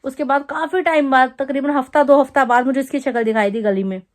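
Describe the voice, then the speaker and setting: A young woman vlogger casually telling a story to the camera, chatty and animated, acting out the quotes as she goes. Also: high-pitched, brisk. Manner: chatty, animated retelling with acted-out quotes and laughter. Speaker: family vlogger.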